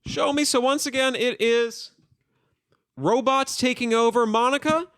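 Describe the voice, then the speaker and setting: A man's voice: very high-pitched, unhurried, fairly bright tone, clean tone, no room sound, studio quality. A young man co-hosting a podcast, chatting casually and rambling with fillers and laughter. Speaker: podcast co-host. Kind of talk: casual chat.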